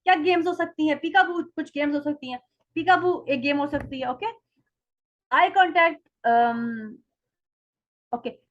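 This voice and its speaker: A woman giving a presentation to parents on child development. She reads English slide points slowly, then explains them in Hindi. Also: high voice, highs cut off.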